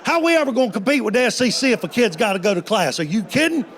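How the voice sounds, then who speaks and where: A man in his fifties, a stand-up comedian, tells folksy stories with playful punchlines in a high, very fast voice full of big pitch swings. His tone is fairly bright, with a faint crowd and slight background noise behind him.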